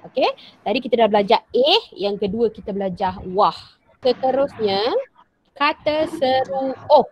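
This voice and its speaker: A woman's voice: mid-range voice, moderate pace, a little mellow, a little hiss or hum. A woman primary school teacher with a Malaysian Malay accent, giving an online lesson and acting out example sentences with patient repetition. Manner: patient, repeats example sentences with acted intonation. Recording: dry, dull lo-fi sound.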